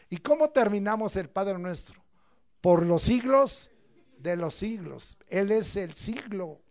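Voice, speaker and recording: A man preaching a church sermon, emphatic, swinging between loud declamation and low asides and drawing out key words. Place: church service.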